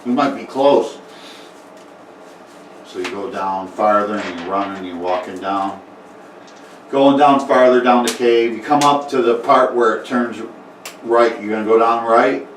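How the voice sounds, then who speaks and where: A man narrating as game master in a casual tabletop game, talking haltingly with many fillers and restarts. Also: on the low side, fairly even intonation. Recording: echoey room, mic far off, faint noise.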